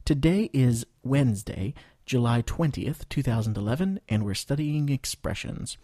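An American man hosts a podcast lesson in a dark, mellow voice. He talks patiently, pausing often on fillers and slowing down for model phrases. The recording is close and dry, with no room sound. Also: mid-range voice, animated, no echo. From United States. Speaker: English teacher, podcast host.

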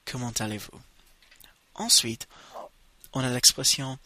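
Slow, bright-toned male language teacher. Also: medium pitch, fairly even intonation. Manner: slow, drawn-out model phrases for repetition. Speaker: English teacher. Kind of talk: bilingual language lesson.

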